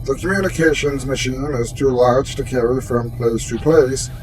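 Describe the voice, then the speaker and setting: An actor playing a calm alien envoy in a sci-fi radio drama, with stilted, formal phrasing. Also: male voice, medium pitch, moderate pace, soft background music, close to an everyday voice. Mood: measured, grave. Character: calm, formal alien envoy speaking through translation machine.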